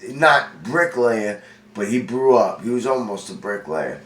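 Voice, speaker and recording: Speaking a little slowly in a lowish, a-bit-bright voice with lively intonation, this forty-year-old Long Island vlogger spins a rambling, profane, streetwise story about himself. He sounds congested. The indoor room with a window gives a roomy, distant-mic recording.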